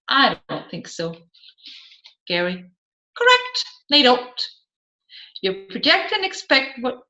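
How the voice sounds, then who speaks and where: Here a woman's gravelly, sharp-toned mid-range voice narrates a self-help audiobook, reading the seminar talk and its Q&A exchanges. It was captured with a roomy echo and slightly dull lo-fi sound.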